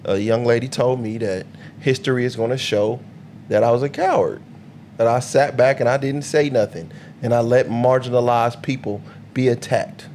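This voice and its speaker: A man co-hosting a podcast, trading animated, profane opinions in a casual group debate. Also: mid-range voice, normal speed, a little hiss or hum. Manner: animated, profane, acts out quoted people. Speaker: podcast co-host.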